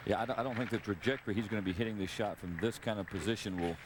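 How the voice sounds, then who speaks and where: A man's voice: fairly low pitch, racing. A man giving analytical live golf commentary as a broadcast analyst. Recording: noisy outdoor broadcast on VHS tape.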